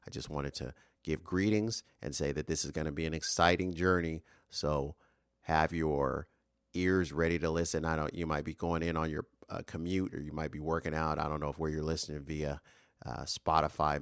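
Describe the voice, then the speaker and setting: A man in his thirties hosts a solo motivational podcast in a very deep, clean voice. He is earnest and rambling, with fillers and restarts. The studio-quality recording has no room sound.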